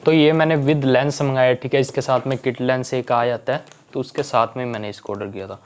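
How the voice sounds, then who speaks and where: A man's voice: medium pitch, steady tone, fairly quick. A young man chatting casually in a home unboxing vlog, often checking in with "okay" as he goes. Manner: chatty, keeps saying "theek hai". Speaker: vlogger.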